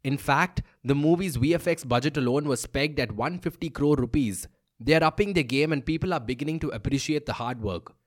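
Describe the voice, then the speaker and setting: A man hosting a daily news podcast, reading a script in a brisk, conversational, lightly playful way. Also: a little high. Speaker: podcast host.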